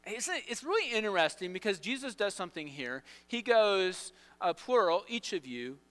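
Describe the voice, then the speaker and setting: A man preaches a sermon in a forceful, bright, fairly high voice. He tells the story with playful asides and restarts mid-sentence. His voice carries with a long reverb, as in a church sanctuary. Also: big pitch swings, normal speed, clean tone.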